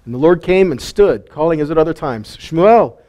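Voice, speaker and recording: A man's voice: a little high, expressive, fairly quick, dark tone. A man giving a casual sermon teaching, retelling Bible stories in a folksy, plain-spoken way.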